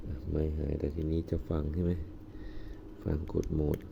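A man with an extremely low voice and a heavy gravelly rasp gives a casual hands-on gadget demo, pausing and restarting as he works the buttons. The recording is dull and lo-fi, with steady noise underneath. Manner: talks haltingly while pressing buttons. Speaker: gadget reviewer.

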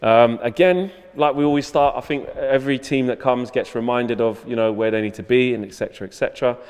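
A man's voice: mid-range voice, brisk, darkish tone, clean tone, long reverb tail. Man, 30s, chatty vlog host, handheld mic, indoor stadium rooms. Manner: chatty, joking tour guide. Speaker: fan channel host. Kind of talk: casual walkthrough vlog. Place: empty stadium dressing room and corridor, indoors.

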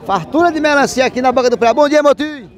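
A man, hosting a chatty vlog as he walks through an outdoor street market, greeting vendors loudly. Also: very high voice, quick pace. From Northeast Brazil. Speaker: vlogger host. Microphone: handheld phone camera. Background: market crowd chatter.

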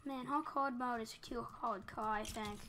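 A woman's voice: on the high side, steady tone, measured pace, fairly bright tone. A woman giving chatty Let's Play commentary at her computer, easily flustered and breaking into outbursts when under attack, with keyboard typing behind her. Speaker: gaming channel host.

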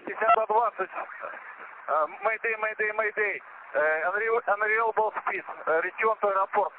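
A man's voice: high-pitched, moderate pace. A man working as an airline pilot, reading back instructions with his call sign in clipped radio phraseology over a cockpit radio transmission. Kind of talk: air traffic radio exchange. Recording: tinny radio channel with faint static.

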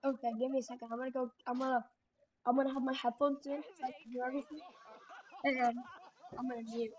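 A woman's voice: sits high, little pitch movement, fast, darkish tone, highs cut off. A woman casually chatting and reacting to funny videos on an online call.

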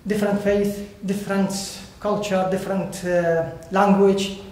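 A man from Iraq, speaking with an Iraqi Arabic accent, offers personal testimony to a seated audience as a volunteer guest speaker at a lectern in a bright indoor hall. His high-pitched, darkish voice shows little pitch movement as he searches haltingly for words in non-native English. Heavy echo and faint background noise mark the recording.

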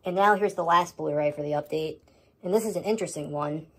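Talking quickly at a medium pitch, with a little hiss or hum on the audio, an American speaker shows off items from a home media collection. The casual vlog update is shot on a handheld camera indoors at home.

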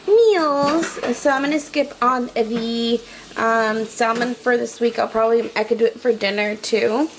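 A woman's voice: a little high, a little hiss or hum. A woman talking casually through her meal prep in a home kitchen, chatty and a little hesitant, often correcting herself. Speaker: vlogger.

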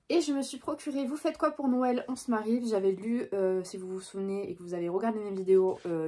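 A woman's voice: mid-range voice, a little mellow. A young woman chatting casually about her book purchases, hesitant and full of fillers. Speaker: book vlogger. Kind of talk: casual book haul chat.

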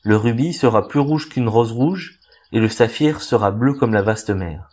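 Un homme qui prête sa voix à un petit passereau au bon cœur, sur un ton suppliant et tendre, dans un conte lu à voix haute. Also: male voice, medium pitch, measured pace, darkish tone, lightly acted. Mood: pleading. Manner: pleading, tender. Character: gentle, soft-hearted little male sparrow bird.

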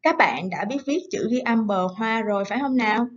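Woman teacher talking to little kids, soft and coaxing, kinda dull lo-fi recording. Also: on the high side, expressive. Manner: gentle, coaxing, slow syllable-by-syllable dictation. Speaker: primary school teacher. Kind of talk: recorded online lesson for young children.

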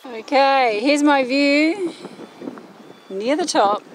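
A woman's voice: high-pitched, drawn-out words, rough recording. A woman in her forties vlogging on her sailboat, talking through a rig check in a chatty, practical way, tired after a long day. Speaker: sailing vlogger. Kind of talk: casual vlog narration. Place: outdoors at a marina, on a sailboat. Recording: loud outdoor background noise.

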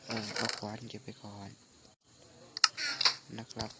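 A man doing casual gameplay commentary in a halting, muttering way, his voice phlegmy from recovering from flu. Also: heavy background noise. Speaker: gaming channel host.

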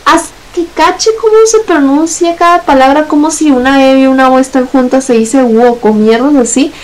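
High-voiced young Mexican woman, blunt and sweary. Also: rough recording. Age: young adult. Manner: blunt, swears a lot, talks in long rushed runs. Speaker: guest on a gameplay stream. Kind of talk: casual chat.

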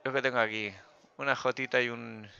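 A man giving joking, self-mocking commentary over a poker game, with bursts of loud excitement. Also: medium pitch, a little fast, creaky, clean tone, lo-fi sound. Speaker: gaming youtuber.

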